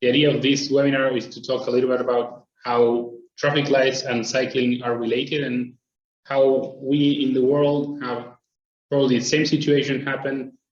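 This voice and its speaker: A man from Argentina, presenting a webinar in a steady, explanatory way. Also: medium pitch, roomy sound, muffled recording. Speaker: traffic planner presenting.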